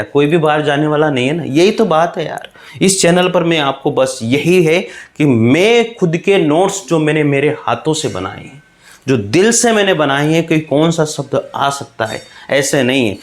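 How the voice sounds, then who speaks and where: A man teaching an exam-prep Hindi spelling lesson, spelling each word slowly and calling his students "bhai". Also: on the high side. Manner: explains slowly, repeating words, addresses students as "bhai".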